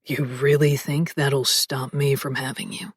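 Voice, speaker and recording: A woman narrator voicing a confident, teasing adult male lover in a low, murmuring, half-whispered voice for an audiobook. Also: level tone, measured pace, slightly rough, dry recording, studio quality, full character voice. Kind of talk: audiobook character voice.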